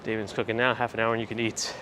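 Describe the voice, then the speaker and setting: Walking outdoors through the city, this livestream host chats loosely and answers viewer comments with dry remarks in a lowish, level, rapid-fire voice that's a touch phlegmy and gravelly. His handheld gimbal rig and recorder pick up street noise, traffic and urban ambience.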